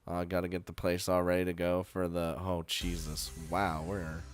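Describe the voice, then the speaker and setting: A man's voice: low voice, moderate pace. Laughing man reading a game aloud. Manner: animated, laughs often, reacts loudly and jokes. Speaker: game streamer. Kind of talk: let's play, reading game text aloud with commentary.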